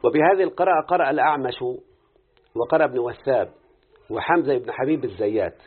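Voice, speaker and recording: Fast-talking Egyptian man teaching grammar. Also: medium pitch, slightly rough. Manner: quick explaining, checking understanding with questions. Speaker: teacher of Quranic readings and grammar. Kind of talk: live lesson with a student. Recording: tinny phone-like lo-fi recording.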